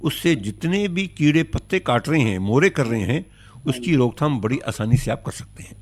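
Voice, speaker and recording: A man's voice: mid-range voice, animated, moderate pace, a little hiss or hum. North Indian man giving instructive advice. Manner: courteous, instructive, repeats key points. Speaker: agriculture expert. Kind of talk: phone-in advice.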